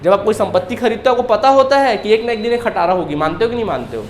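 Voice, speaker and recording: A man's voice: high voice, animated, racing, roomy sound, slight background noise. A male accountancy teacher giving a classroom lecture, firing questions at students and answering them himself, repeating key terms.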